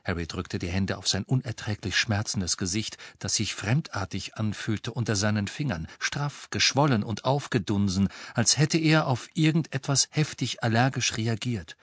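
A man reading an audiobook as narrator, telling the story in a measured, dramatic way. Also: on the low side, fairly bright tone, breathy edge, dry recording, studio quality. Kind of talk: scripted narration.

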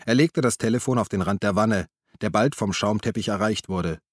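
A man narrating a crime novel in a measured, even tone. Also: on the low side, no room sound, studio quality. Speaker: audiobook narrator. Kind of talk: scripted narration.

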